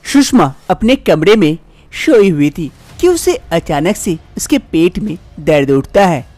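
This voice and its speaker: Slow woman storyteller, lively tone. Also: lowish voice, no room sound. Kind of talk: scripted story narration.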